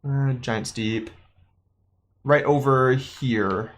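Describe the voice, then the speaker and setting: A young man, a student, chatting casually through a game playthrough, reading in-game notes aloud and thinking out loud. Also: mid-range voice, steady tone, extremely slow. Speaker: gaming YouTuber. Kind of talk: casual let's-play commentary.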